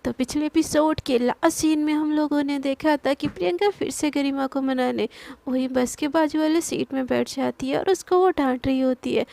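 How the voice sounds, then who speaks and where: A woman storyteller narrating a love story in a chatty, animated way. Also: high voice, vocal fry, no room sound.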